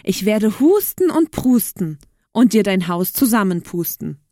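A woman's voice: medium pitch, very animated, unhurried, dry recording, clean studio sound. Storybook big bad wolf, menacing and blustering, voiced by a woman reader. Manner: loud blustering threats.

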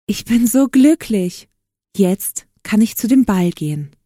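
A woman voicing a kind, downtrodden young girl in a spoken storybook, with a gentle, pleading manner. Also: mid-range voice, lively intonation, slow pace, no room sound, clean studio sound. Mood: glad.

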